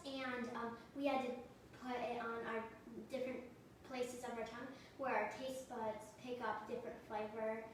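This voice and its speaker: A young woman talks through what she did, pausing on lots of ums and brightening as she retells it. She sounds slightly high and sits away from the mic in a very echoey room. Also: distant mic, slight background noise. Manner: hesitant, many ums, lively when retelling. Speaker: junior chef guest. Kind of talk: casual chat.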